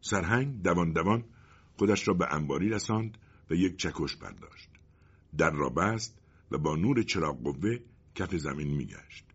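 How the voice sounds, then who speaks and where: A man narrating a story in an expressive, dramatic way with a husky voice. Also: low-pitched, highs cut off.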